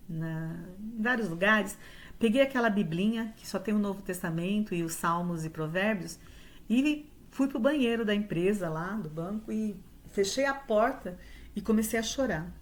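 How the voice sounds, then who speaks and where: A woman with a Brazilian Portuguese accent gives a heartfelt sermon testimony at a church service, telling her story with acted-out dialogue. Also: lowish voice. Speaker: church speaker giving a testimony.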